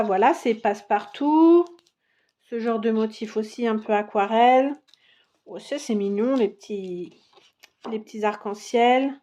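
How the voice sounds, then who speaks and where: A woman vlogger chatting casually through a scrapbooking paper haul, with many fillers and pauses as she browses. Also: a little high, mellow. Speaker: craft vlogger showing a haul. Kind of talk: casual show-and-tell.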